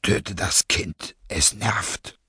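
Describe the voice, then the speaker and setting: A man puts on a masked villain who rules his gang with quiet menace. The voice sits low and hushed, slipping toward a whisper, slow and deliberate, with a husky edge. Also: fairly even intonation, no room sound, studio quality, full character voice. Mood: coldly menacing. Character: cold masked male villain leader. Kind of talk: audiobook character voice.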